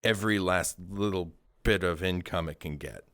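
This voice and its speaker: A man's voice: deep voice, normal speed, fairly bright tone, dry recording, clean studio sound. A man hosting a casual chat show, rambling and cracking sarcastic jokes. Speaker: show host.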